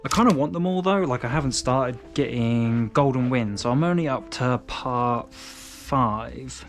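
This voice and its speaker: A young English man chatting casually at home as he organises his manga shelves, relaxed and rambling with frequent restarts. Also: medium pitch, a little slow, faint music behind. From England. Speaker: manga collector vlogger. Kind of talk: casual chat.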